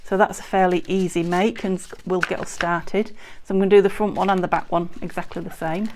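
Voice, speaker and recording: A UK woman hosting a crafting video chats fairly quickly in a lowish, a little croaky and mellow voice with fairly even intonation, showing her work at a craft table indoors. She rambles a bit, self-corrects and says um frequently. The overhead camera shows only her hands on the table, and a little hiss or hum is audible.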